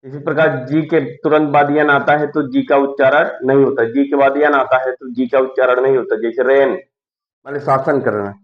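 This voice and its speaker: A man's voice: mid-range voice, steady tone. Male teacher, patient and repetitive, roomy echo, dull lo-fi sound. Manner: slow, repetitive, explains each rule twice. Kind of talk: classroom lesson. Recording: echoey room, dull lo-fi sound.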